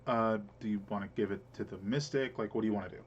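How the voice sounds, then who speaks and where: A man running a tabletop game, narrating casually with many fillers and pauses. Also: fairly low pitch, slight background noise. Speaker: game master. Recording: dull lo-fi stream audio.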